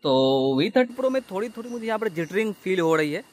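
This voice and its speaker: A man's voice: high-pitched, sing-song, fairly quick. A man giving a casual on-the-spot demo outdoors as a tech reviewer, recorded on a phone's built-in microphone. He announces each step as he works the phones.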